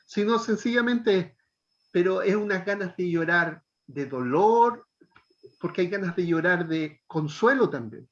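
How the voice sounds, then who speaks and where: A middle-aged man teaching a pastoral counseling class, gently coaxing a student and checking in often. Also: high-pitched, animated, a little slow, highs cut off.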